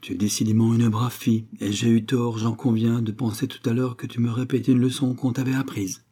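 A man's voice: medium pitch, level tone, brisk, mellow, natural voice. A man voicing a stern, wealthy elderly aunt who speaks in a firm, authoritative way, in an audiobook.

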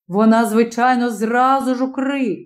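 A woman reading a literary story aloud as an audiobook narrator, with measured pacing and slow, emphatic pauses. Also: fairly high pitch, fairly even intonation.

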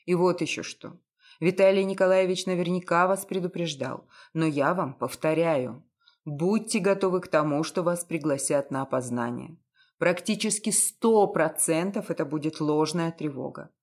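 A cynical, self-assured male private detective, put on by a woman reading an audiobook. He speaks low and unhurried with a mocking, condescending calm. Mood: calm instructing.

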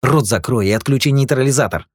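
A man voicing a brash young male sidekick who angrily shouts demands. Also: medium pitch, fast talker, breathy edge, no room sound, studio quality, voice pushed up, lightly acted. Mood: defiant. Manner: angry, shouting, defiant.

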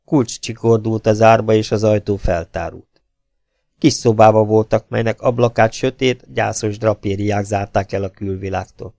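A man narrating an audiobook at a steady, measured pace, his voice livening up for dialogue. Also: on the low side, vocal fry, dry recording, clean studio sound. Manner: steady, measured reading with lively shifts for dialogue. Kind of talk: scripted narration of a wartime spy novel.

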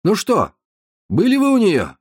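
A man's voice: sits high, wildly swooping pitch, unhurried, darkish tone, slightly rough, no echo, clean studio sound, pitched above the performer's own voice, full character voice. Man voicing an eager workshop boss. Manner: eager, exclaiming. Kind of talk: audiobook narration.

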